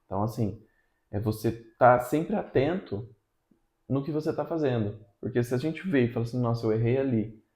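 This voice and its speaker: A man, a father co-hosting, calmly explaining parenting advice in a casual chat at home. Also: mid-range voice, normal speed. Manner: calm, explanatory, tags lines with "né". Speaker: father and channel co-host. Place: room at home. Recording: echoey room.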